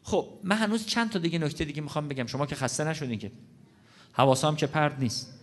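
A man's voice: fairly high pitch, fairly bright tone. A man preaching a sermon to an audience, earnest and explanatory, addressing the listeners directly.

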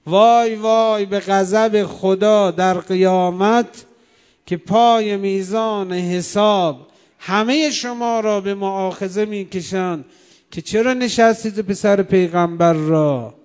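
Preacher voicing a frail old companion's wailing curse. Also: male voice, high-pitched, darkish tone, clean tone, natural voice. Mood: lamenting. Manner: slow, drawn-out wailing lament. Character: frail old man, grieving and furious prophet's companion. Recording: long hall reverb.

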